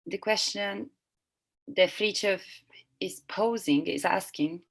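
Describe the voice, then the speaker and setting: A woman interpreting a seminar talk live, speaking haltingly with frequent restarts and self-corrections. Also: medium pitch, vocal fry, poor audio. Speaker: simultaneous interpreter.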